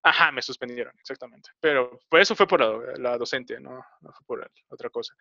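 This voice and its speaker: A young man with a Mexican Spanish accent telling a personal story in casual talk, halting and rambling with many filler pauses. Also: medium pitch, vocal fry, bright, forceful tone, no echo. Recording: slightly dull, dry recording.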